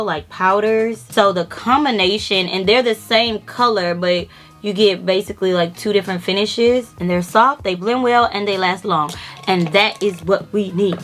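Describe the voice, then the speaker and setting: Chatty young woman doing her makeup on camera, says like a lot, mid pitch, a little music faint behind. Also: a bit bright. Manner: casual, chatty, lots of "like" fillers. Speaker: beauty vlogger. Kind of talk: chatty get-ready-with-me makeup tutorial.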